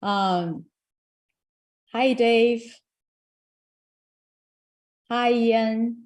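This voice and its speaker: A woman's voice: fairly high pitch, fairly even intonation, very slow, a little mellow. Upbeat young woman moderating an online forum. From Taiwan. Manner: upbeat, chatty, with fillers. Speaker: event moderator. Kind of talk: casual online event hosting.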